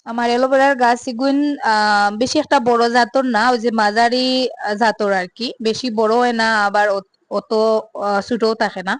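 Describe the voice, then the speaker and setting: A woman's voice: a little high, steady tone, moderate pace, no room sound. Chatty Sylheti-accented woman vlogger. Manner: chatty, mixes Sylheti and standard Bengali, many filler sounds. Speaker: home vlogger. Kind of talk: casual vlog narration.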